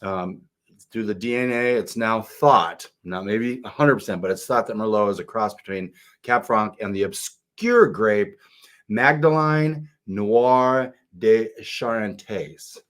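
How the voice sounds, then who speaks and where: A middle-aged man hosts a relaxed wine podcast. He speaks in a fairly low voice, chatty and halting, with lots of fillers as he gathers his thoughts. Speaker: podcast co-host. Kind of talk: casual wine-tasting chat.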